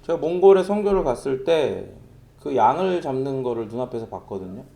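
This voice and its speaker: Gravelly-voiced Korean pastor preaching. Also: male voice, medium pitch, big pitch swings, a little fast, warm tone. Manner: conversational, storytelling with vivid sound imitations. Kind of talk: sermon.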